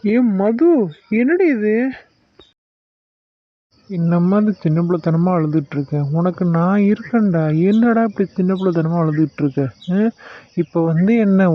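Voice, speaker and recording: A man voicing Aravind, a protective young husband who comforts and gently scolds his wife. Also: fairly high pitch, natural voice. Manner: comforting, coaxing, affectionate scolding. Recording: dull lo-fi sound.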